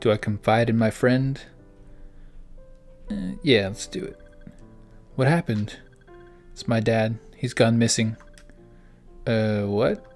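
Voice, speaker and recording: A man's voice: on the low side, steady tone, slow pace, long pauses, a little mellow, faint music behind. A man, the host of a gaming channel, playing through a story game, reading its text aloud and reacting in puzzled asides. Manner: reads dialogue aloud in a plain voice between puzzled asides.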